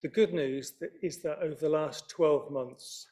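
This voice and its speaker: A man as a councillor presenting a prepared report at a council meeting, in a steady delivery. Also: a little high, unhurried.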